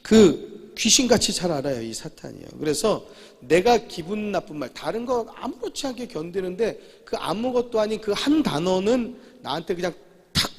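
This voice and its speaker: Gravelly man preaching in a reverberant church. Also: sits high. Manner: emphatic preaching with repeated phrases and sudden loud declarations. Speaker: pastor. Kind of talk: sermon. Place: church sanctuary. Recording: long reverb of a church hall.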